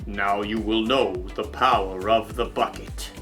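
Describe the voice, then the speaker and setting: Casting: man as a pompous masked kids' show villain, slow theatrical menace, bright forceful tone, faint music behind. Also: on the low side, steady tone, pitched below the performer's own voice. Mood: grandiose menace. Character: masked villain Buckethead, grandiose, mock-menacing, dishonest. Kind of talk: children's show pretend play.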